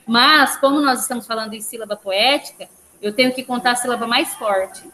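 Speaking a little fast in a pushed, bright voice on the high side, a woman leads an online language lesson. She goes step by step, counts out syllables, and checks on her students. The room echoes and there's faint background noise.

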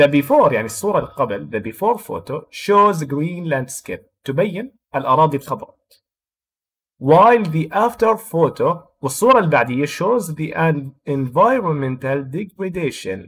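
A man with a Jordanian Arabic accent explaining an English textbook lesson, reading English phrases slowly and then explaining them quickly in Arabic. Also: mid-range voice. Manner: switches between slow read English and quick Arabic explanation. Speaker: English teacher.

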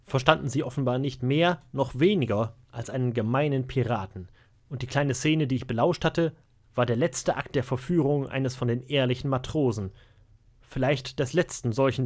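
A man narrating an audiobook in a measured, steady storytelling manner. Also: mid-range voice. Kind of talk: audiobook reading.

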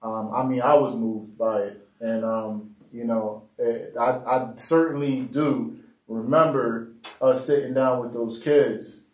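A male host opening a casual discussion, relaxed and hesitant with fillers. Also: medium pitch, slow pace. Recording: roomy echo.

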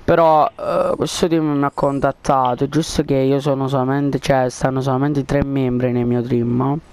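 A man's voice: medium pitch, little pitch movement, moderate pace, darkish tone, clear, resonant tone, no room sound. A man chatting casually over a game headset, rambling with lots of fillers and coaxing a friend during a prank. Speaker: gaming video creator. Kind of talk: casual gaming chat and prank.

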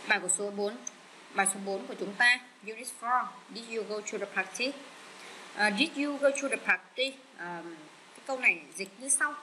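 A woman with a Vietnamese accent teaching English vocabulary, repeating each word slowly with many fillers. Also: a little high, bright, forceful tone, a little hiss or hum, low-quality recording. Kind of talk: slow bilingual vocabulary lesson.

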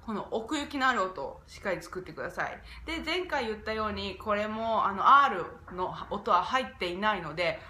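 A woman's voice: medium pitch, lively intonation, bright, forceful tone. Woman teaching pronunciation in an echoey room. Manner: demonstrates vowel sounds with drawn-out, exaggerated syllables. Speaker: jazz vocalist teaching English pronunciation. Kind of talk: casual pronunciation vlog lesson.

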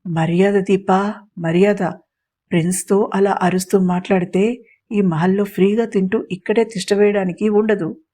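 A cocky young prince who teases and mocks his elders with cool confidence, as a woman narrator puts him on. His voice is mellow and warm, only slightly raised from the narrator's own. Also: medium pitch, fairly even intonation, moderate pace, close to an everyday voice. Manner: teasing and sarcastic.

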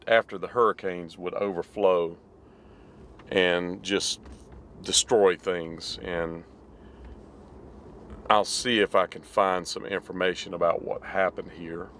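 Low-voiced man in his fifties. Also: slight background noise. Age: 50s. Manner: relaxed, reminiscing. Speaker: vlog host. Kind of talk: casual chat and driving commentary. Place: living room, then a car.

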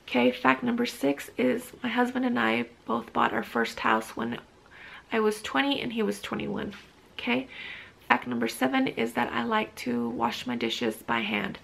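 Chatty woman in her thirties with vocal fry. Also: fairly high pitch, a bit bright, poor audio. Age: 30s. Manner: chatty, rambling with frequent restarts and ums. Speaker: vlogger. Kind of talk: casual chat to camera. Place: living room, seated on a sofa.

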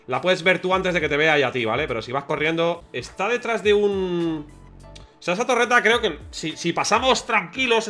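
A man with a Spain Spanish accent giving chatty, excitable live gameplay commentary to his viewers. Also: sits high. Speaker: gaming streamer.

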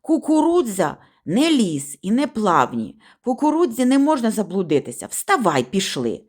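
A woman's voice: mid-range voice, huge pitch swings, normal speed. A woman voicing a frightened, touchy village boy who calls out, snaps and pants as he crawls through a cornfield. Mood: anxious, panting. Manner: yelling, irritable, breathless.

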